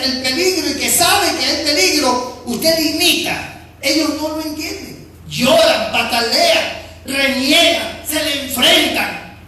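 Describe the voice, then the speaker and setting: A man with a Peruvian accent preaching a sermon in a church hall, emphatic and repetitive, swinging between shouting and soft speech. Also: very high voice, slight background noise. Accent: Peruvian Spanish. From Peru. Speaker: pastor. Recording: echoey hall from far off with faint ambience.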